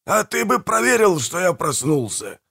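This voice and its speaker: A man's voice: fairly high pitch, sing-song, measured pace, fairly bright tone, husky, voice pushed up, full character voice. A man voicing a crude, lazy bearded grave-robbing brother, scolding in a raised voice. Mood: gruff.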